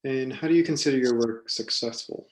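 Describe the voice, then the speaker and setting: Male interviewer, mid-pitched, putting brief formal scripted questions, very echoey room sound. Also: fairly quick.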